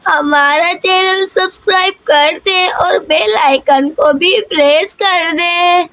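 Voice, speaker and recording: A woman voicing an old grandmother in a doll cartoon story, speaking slowly and drawing out her words. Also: very high voice, sharp tone, no room sound, exaggerated voice. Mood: gentle. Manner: slow, drawn-out speech. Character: slow-talking old grandmother.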